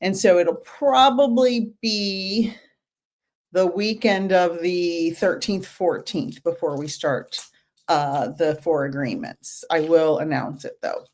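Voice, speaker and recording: Speaking slowly in a lowish, slightly mellow voice, a middle-aged woman hosts a relaxed book club over live stream and calls out viewers by name. Her voice is hoarse from teaching.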